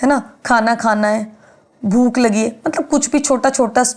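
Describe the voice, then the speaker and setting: A woman's voice: on the high side, normal speed, darkish tone, rough recording. A woman teaching an exam-prep lecture, explaining step by step and asking and answering her own questions.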